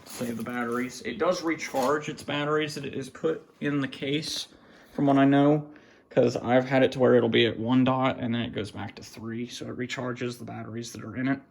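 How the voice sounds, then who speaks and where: Muttering as he handles his equipment, a man gives an off-the-cuff show-and-tell of his weather radio collection. His creaky, medium-pitched voice stays steady in tone, though his delivery is halting and casual. He's indoors in a cramped, cluttered home room, with faint noise, clicks, and handling sounds in the background.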